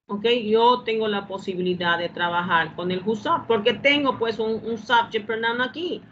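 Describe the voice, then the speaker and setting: Speaking at a moderate pace in a somewhat high, slightly bright voice, a woman walks a class through an English grammar lesson. She repeats each step with patience and asks if they've got it. The audio is dull and lo-fi, with a faint hum behind it.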